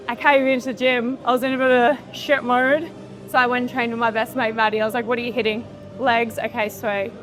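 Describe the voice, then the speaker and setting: Woman, very high voice, crisp bright tone, casual gym chat, curses a lot, faint music behind. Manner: casual, swears freely. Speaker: bodybuilder in contest prep. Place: gym floor.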